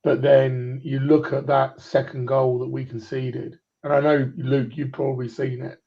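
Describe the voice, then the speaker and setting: A man's voice: mid-range voice, level tone, a little slow, creaky. A man in his forties on a clipped phone line, chatting about football in a rambling way and restarting his points over and over. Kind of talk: casual football chat.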